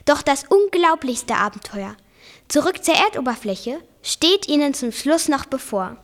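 A high-pitched girl reads a novel aloud for a school reading project. Her delivery is careful and deliberate. She narrates in plain storyteller fashion, sentence by sentence. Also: animated. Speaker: student reader.

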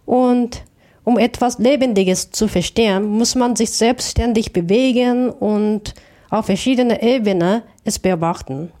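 Artist woman from Japan, Japanese native speaker, warm mellow tone, measured and reflective, some self-corrections. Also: a little high. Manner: careful, thoughtful, with small restarts. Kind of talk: interview answers.

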